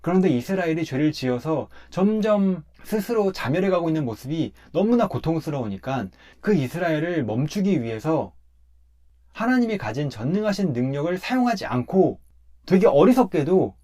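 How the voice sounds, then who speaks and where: A man, a pastor, talking through a Bible passage in a relaxed conversational way, emphatic as he explains step by step. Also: on the high side, moderate pace.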